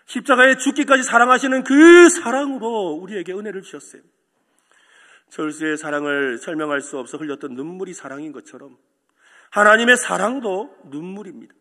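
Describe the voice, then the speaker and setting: Preaching in a church sanctuary full of long, echoing reverb, a man with a high, sharp voice speaks a little fast. As pastor, he shares a story and puts questions to the congregation.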